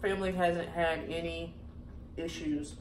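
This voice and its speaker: A woman in her thirties chats in an easygoing, giggly way between bites. Her voice sits on the low side. The room echoes around her, with faint background noise. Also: steady tone, a little slow, far from the mic. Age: 30s. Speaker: co-host of a couples channel. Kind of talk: casual mukbang chat.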